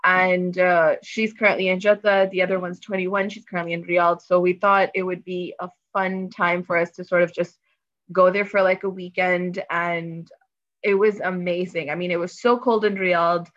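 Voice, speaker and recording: A woman's voice: lowish voice, level tone, normal speed, a bit bright, lo-fi sound. A woman in her twenties chatting casually and expressively as a podcast co-host. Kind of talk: casual chat.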